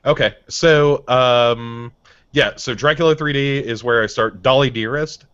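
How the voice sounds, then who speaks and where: A man's voice: mid-range voice, a little slow, fairly bright tone, clear, resonant tone, dry recording. Chill guy podcaster ranting about awful movies, kinda muffled dry audio. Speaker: podcast co-host. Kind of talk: casual chat. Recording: dull dry sound.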